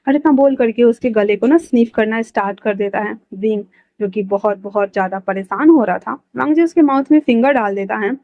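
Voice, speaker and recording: A woman's voice: fairly high pitch, a little fast, no room sound. A woman narrating a fan story casually, chatty, with fillers and self-corrections, on a dull lo-fi recording.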